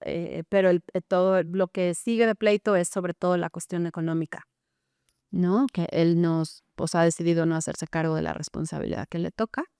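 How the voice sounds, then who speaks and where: A woman's voice: on the low side, fairly even intonation, moderate pace, dark tone, clear, resonant tone, no echo, studio quality. A middle-aged woman, a therapist telling her own story in an interview, earnest and full of tag questions. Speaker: gestalt therapist, guest.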